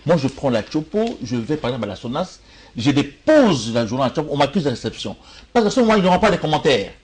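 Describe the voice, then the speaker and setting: Lively elderly man. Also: medium pitch, quick pace, slightly rough. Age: 70s. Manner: animated, storytelling, repeats himself. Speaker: newspaper publisher and panel guest. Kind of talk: casual panel discussion.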